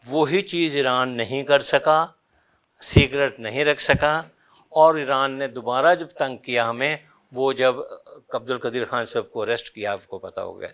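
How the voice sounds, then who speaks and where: A man's voice: mid-range voice, a bit bright. An older man, an interview guest recounting political memories and quoting others in a mix of Urdu and English. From Pakistan.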